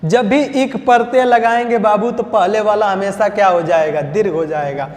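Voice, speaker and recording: A man with a Hindi accent teaching a spelling lesson in a coaching class. He drills each word by slow repetition and quizzing. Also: high-pitched. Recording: echoey classroom hall.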